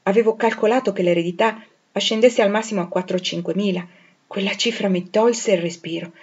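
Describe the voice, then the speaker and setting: A woman reading a classic novel aloud in a measured, expressive way that grows dramatic on emotional passages. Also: mid-range voice, breathy edge. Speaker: audiobook reader. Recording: dull lo-fi recording.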